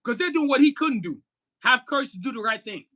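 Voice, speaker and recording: Worked-up guy venting on a podcast, sharp bright tone, swears a lot. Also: very high voice, lively intonation, brisk. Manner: angry, cursing, emphatic, shouting at times. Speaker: podcast co-host. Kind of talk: heated political podcast rant.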